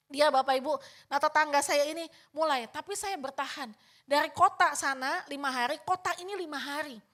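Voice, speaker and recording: A woman's voice: sits high, a bit bright. An older woman pastor preaching a sermon, telling a personal story and often addressing the congregation, acting out her own past remarks.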